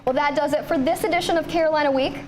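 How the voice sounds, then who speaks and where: A woman's voice: high voice, fairly even intonation, rapid-fire, background noise. A woman news reporter and anchor, speaking on camera and chatting in a friendly way in the studio.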